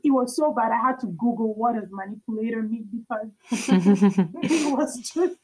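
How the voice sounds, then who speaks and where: A woman's voice: on the high side, normal speed, a little mellow, rough recording. A young adult woman, a podcast guest, earnestly telling a personal faith story in conversation, acting out the dialogue as she recounts it.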